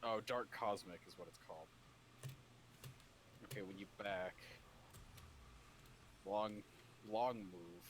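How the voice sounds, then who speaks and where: A man's voice: deep voice, takes it slowly, long pauses, slight background noise. A man chatting casually while gaming, rambling and swearing freely. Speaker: gamer.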